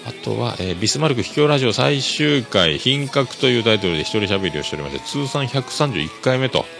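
Over clear background music, a man from Kyushu, Japan hosts a casual solo podcast, wandering from point to point with plenty of fillers. His mid-range voice is brisk and has lively intonation.

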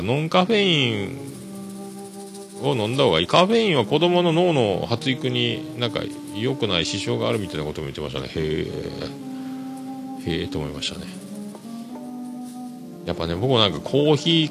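Deep gravelly man chatting casually. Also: very animated, brisk. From Kyushu, Japan. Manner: easygoing, rambling, filler-heavy. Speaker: podcast host. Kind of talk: casual solo podcast talk. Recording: clear background music under voice. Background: music.

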